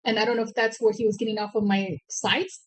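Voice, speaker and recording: An older woman talking casually, softly, often repeating "wow" between thoughts. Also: on the high side, level tone, fast talker, poor audio. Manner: soft-spoken, repeats "wow". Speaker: scam victim. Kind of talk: casual conversation.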